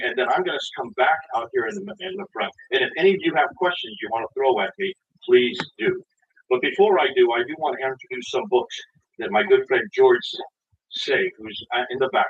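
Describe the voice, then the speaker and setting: Guy lecturing a crowd in a hall, real lively up-and-down voice, kinda far from the mic, muffled with a bit of hiss. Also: a little high, gravelly. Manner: emphatic, brisk and animated, addressing the room. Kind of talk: public lecture to a live audience. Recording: distant, muffled mic with faint background noise.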